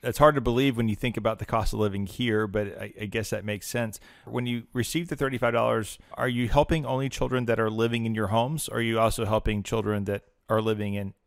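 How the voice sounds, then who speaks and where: Male interviewer, lowish pitch, conversational questioning, very dry recording with no room sound. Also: steady tone, brisk, gravelly, hardly any pauses, no room sound.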